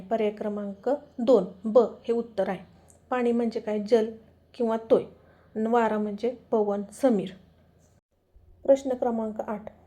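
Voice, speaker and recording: A woman's voice: medium pitch, warm tone. A woman teacher steadily reading quiz questions, options and answers for students.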